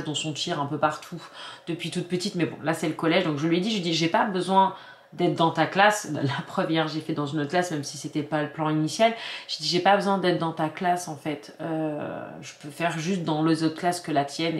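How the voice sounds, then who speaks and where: A woman in her forties from France chats casually to her camera, often restarting and padding with fillers. Her voice sits low. The room around her is echoey. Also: steady tone, fairly quick. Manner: chatty, rambling, many restarts and fillers. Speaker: vlogger. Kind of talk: casual chat. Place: home.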